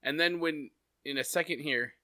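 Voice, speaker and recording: A man's voice: fairly high pitch, moderate pace, pushed and bright, no room sound. A man co-hosting a podcast, chatting casually and with amusement about a cartoon episode. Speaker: podcast co-host.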